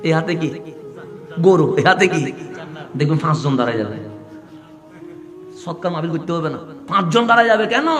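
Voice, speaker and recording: Male preacher, fairly high voice, fiery sermon, echoey hall with faint music behind. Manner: impassioned, swings from quiet talk to high shouting. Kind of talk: waz sermon.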